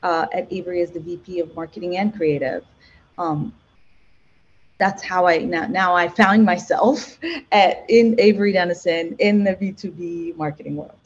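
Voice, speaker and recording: A woman from Egypt, a podcast guest, telling her career story in casual, animated interview chat with frequent self-corrections. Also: lowish voice, normal speed, muffled recording, slight background noise. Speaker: podcast guest, marketing executive.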